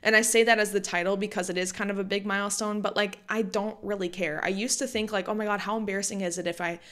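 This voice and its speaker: Quick-paced and steady, with a medium pitch and fairly bright tone, a woman in her late twenties hosts her own podcast. She chats casually and says "like" constantly.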